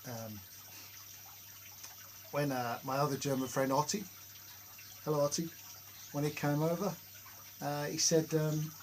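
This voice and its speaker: A man talks casually to camera from his home workshop shed, rambling through jokey, self-mocking stories. His voice sits a little high for a man. A faint hum of room ambience runs underneath. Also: level tone, measured pace, long pauses, low-quality recording. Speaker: hobby workshop vlogger.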